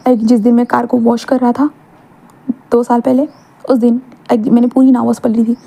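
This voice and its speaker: A woman voicing a calm, reserved young male bodyguard in an even, earnest delivery. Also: fairly high pitch, brisk, creaky. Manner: steady, earnest, plain delivery.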